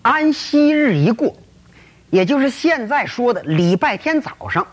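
Woman storyteller, higher voice, very expressive pitch, husky. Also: measured pace. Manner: dramatic, exclaiming, colloquial. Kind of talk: traditional storytelling.

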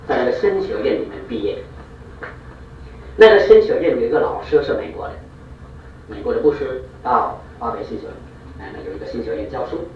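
Male preacher, storytelling sermon, quick and lively delivery, echoey distant hall sound. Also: medium pitch, dull audio, a little hiss or hum. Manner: animated, fast, repeats for emphasis.

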